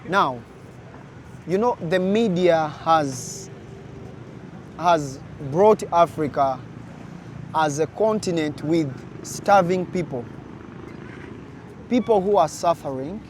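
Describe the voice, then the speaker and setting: Slow, earnest man from Uganda. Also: on the high side, lively intonation, a little hiss or hum. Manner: slow, deliberate and earnest, addressing viewers directly. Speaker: vlogger. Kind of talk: casual talk to camera.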